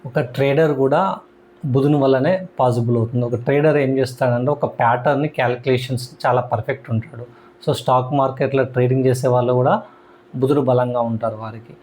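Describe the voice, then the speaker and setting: Male astrology teacher, mid pitch, faint hum behind. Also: steady tone, brisk, a little mellow. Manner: repeats key terms, restarts often. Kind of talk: explanatory lesson talk.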